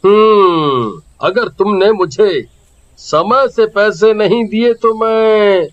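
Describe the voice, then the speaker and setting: A man's voice: high-pitched, highs cut off. A man voicing a greedy, scheming old village merchant in a cartoon story, humming and grumbling with scorn. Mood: scornful. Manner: grumbling, drawn-out hums, scornful.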